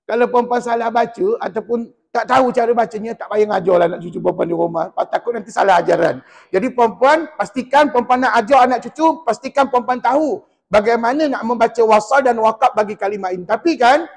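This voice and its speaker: A man with a Malaysian Malay accent teaching Quran recitation in a mosque class, drilling and correcting students in a lively, teasing way. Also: extremely high pitch, quick pace, creaky, big-room sound.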